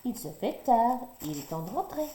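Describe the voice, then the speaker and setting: A woman voicing a sensible raccoon who calmly gives advice, in a storybook reading. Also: a little high, moderate pace, slight background noise. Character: sensible calm raccoon friend. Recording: roomy echo.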